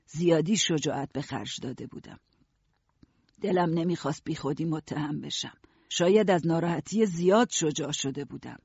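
A man narrating an audiobook in a steady first-person storytelling voice. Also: a little high, gravelly, slightly rough, no echo, lo-fi sound.

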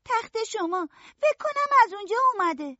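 A very high, soft, pleading voice of a timid young orphan girl, as a male narrator puts her on. Her voice sounds thin and set apart from his own. The sound is dry and a little muffled. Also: sing-song, no room sound, heavily acted. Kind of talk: audiobook character voice.

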